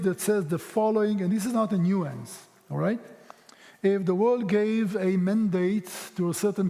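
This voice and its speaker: A high-voiced man gives an emphatic church lecture, pressing his points with pointed rhetorical questions. His voice rings out with a long reverb tail in a church hall. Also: dark tone. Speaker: guest speaker teaching a history session.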